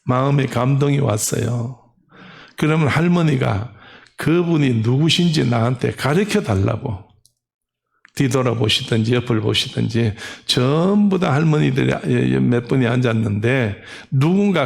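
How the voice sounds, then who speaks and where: A man's voice: mid-range voice, creaky. A middle-aged male pastor preaching a sermon, telling a story animatedly and acting out the voices of old women.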